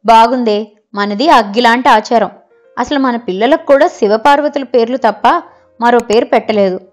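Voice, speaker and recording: A fiery, tradition-bound older sister, put on by a woman reading the story fires off indignant questions. Her tone is scornful and heated, sitting slightly high. Faint music runs underneath. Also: normal speed, close to an everyday voice. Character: angry orthodox older sister, sharp-tongued.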